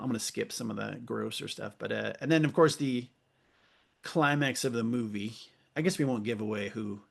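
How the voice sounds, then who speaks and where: Gravelly-voiced man in casual chat. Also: mid-range voice. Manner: rambling, laughs often, acts out movie lines. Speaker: podcast host.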